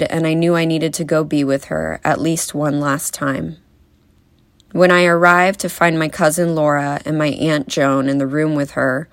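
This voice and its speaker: A young woman speaks at a memorial, delivering a eulogy full of wry, gently humorous stories. Her voice sits low for a woman. The sound is dry and close, with no room echo. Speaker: granddaughter giving a eulogy. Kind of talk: eulogy speech.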